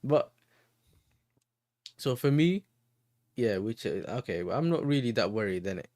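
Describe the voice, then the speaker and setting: A young man talks football in loose, slangy banter and laughs a lot. His voice sits at an everyday middle pitch. The sound is dry and close. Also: big pitch swings, normal speed, darkish tone, dry recording. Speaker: host. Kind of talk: casual football chat.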